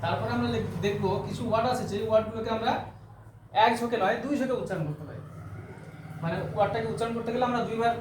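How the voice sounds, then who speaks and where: The speaker is a man with a very high-pitched voice who talks at a racing pace while teaching English grammar. Going term by term, he repeats key words and asks rhetorical questions, and the room is echoey with faint noise.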